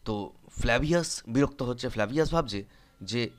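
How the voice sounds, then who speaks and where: A man's voice: medium pitch, animated, fairly quick. A man teaching a literature lesson. He explains in an informal, friendly tone and keeps checking whether students have understood.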